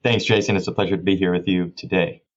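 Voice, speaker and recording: Deep-voiced male interview guest. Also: steady tone, quick pace, lo-fi sound. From Miami, Florida. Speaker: guest, government official. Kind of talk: conversational interview answers.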